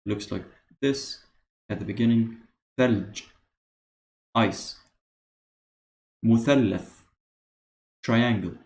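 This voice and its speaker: A man teaching beginner Arabic, explaining patiently with pauses and many "uh"s. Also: fairly low pitch, gravelly, a little mellow. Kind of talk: beginner language lesson.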